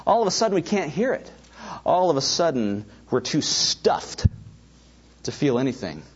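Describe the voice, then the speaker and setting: A man's voice: fairly high pitch, moderate pace, slightly rough, highs cut off. A middle-aged man preaching a sermon, telling personal stories with asides to the congregation. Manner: animated storytelling with asides to the congregation. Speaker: pastor.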